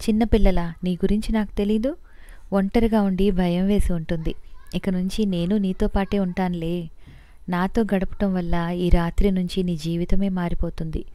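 A woman's voice: on the low side, steady tone, moderate pace, warm tone, no room sound, close to an everyday voice. A woman reading a lecherous self-styled holy man. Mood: coaxing.

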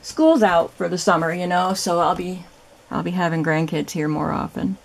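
A woman's voice: lowish voice, moderate pace, gravelly. An older woman and grandmother chatting casually through her flea market haul, rambling and a bit tired from lack of sleep. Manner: chatty, meandering, yawning.

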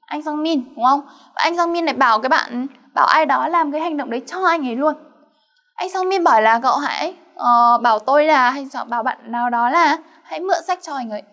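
Quick, high-voiced woman teaching grammar. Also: fairly bright tone. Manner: explains step by step, checks with frequent questions to students. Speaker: Korean language teacher. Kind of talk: grammar lesson.

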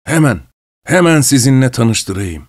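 A man voicing an excitable, fawning middle-aged husband who talks with ingratiating emotion, in an audiobook. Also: mid-range voice, measured pace. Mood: excited, fawning.

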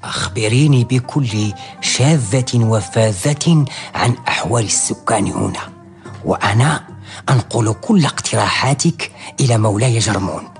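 Casting: authoritative henchman, lowish voice, measured period radio delivery, faint music behind. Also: vocal fry. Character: authoritative male henchman relaying his master's orders. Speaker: actor in a historical radio serial. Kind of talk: radio drama acting in formal Arabic.

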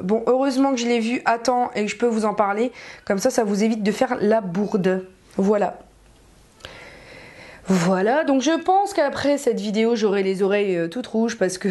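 A woman's voice: medium pitch, a little mellow. A young woman casually reviewing cheap earrings in a chatty, frank way, full of fillers and slang. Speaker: beauty vlogger.

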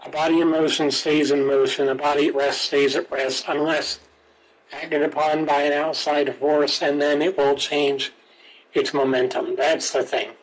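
Man, game streamer, casual commentary, reads text aloud, frequent chuckles, slightly higher pitch. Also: level tone, moderate pace, low-quality recording.

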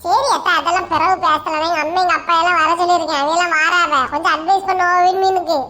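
Woman playing a calm young son-in-law. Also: very high-pitched, quick pace. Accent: Kanyakumari Tamil. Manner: soothing, reasonable.

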